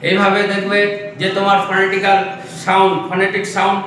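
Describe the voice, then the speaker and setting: A man with a high, somewhat bright voice teaches an English lesson in a brisk monotone, walking through it step by step and repeating his phrases. It's a classroom lesson, recorded from a distance in an echoey room.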